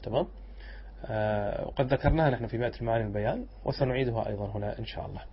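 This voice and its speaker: A male scholar giving a classroom lesson, asking and answering his own questions and repeating examples slowly. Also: fairly low pitch, slightly rough, highs cut off. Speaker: Islamic scholar teaching rhetoric. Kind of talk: classroom lesson explaining a poem.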